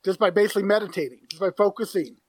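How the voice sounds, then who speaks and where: A man's voice: high-pitched, rapid-fire, no echo. A man co-hosting a casual podcast chat, earnest and stumbling over his words. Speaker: podcast co-host.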